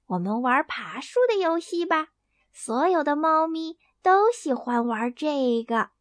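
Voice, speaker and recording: A woman's voice: high voice, big pitch swings, a little slow, no echo. A woman voicing a playful, mischievous and greedy young kitten in a bedtime story, with a coaxing storybook voice.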